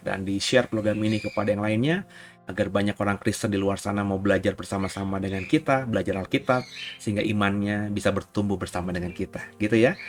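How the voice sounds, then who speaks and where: A man, a pastor giving an emphatic Bible teaching sermon that rises to near-shouts on key points. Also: fairly low pitch.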